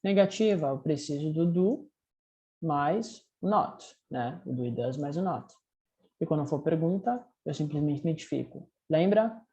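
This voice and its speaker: In this recorded lesson, a teacher whose English carries a Brazilian Portuguese accent works through grammar one step at a time, pausing often to check on students and reading drill sentences slowly and clearly. The mid-range voice is warm and animated, though the audio sounds dull.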